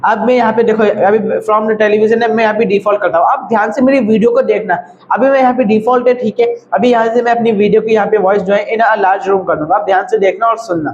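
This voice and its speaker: A man's voice: high-pitched, steady tone, fast talker, dull audio, a little hiss or hum. A man teaching audio editing in a casual screen-recorded tutorial, chatty and repetitive. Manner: chatty, repeats "thik hai" and "bhai".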